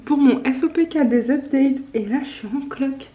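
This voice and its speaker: A woman's voice: high voice, normal speed, highs cut off. A young woman vlogging in a nervous, casual way, often dropping to a whisper. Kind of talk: casual vlog.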